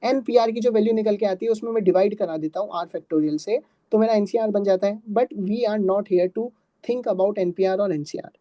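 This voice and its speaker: A man's voice: high-pitched, steady tone, normal speed, few pauses, no echo, highs cut off. A male teacher giving a live math lesson, who keeps asking his students questions and answering them himself in a patient, talky way. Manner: patient, calls students "beta". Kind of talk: classroom math lecture.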